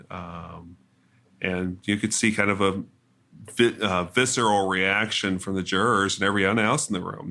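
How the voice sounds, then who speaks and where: A man reporting from a courtroom trial, answering questions in a hesitant, halting way with many restarts. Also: lowish voice, bright, forceful tone. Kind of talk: interview answers.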